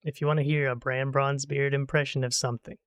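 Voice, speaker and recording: A male streamer chats casually and playfully while gaming, drifting through half-finished thoughts and teasing his friend. His voice sits at an ordinary pitch and is recorded close on a dry desk mic with no room sound. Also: flat delivery, fast talker, a bit bright, clean tone, dry recording.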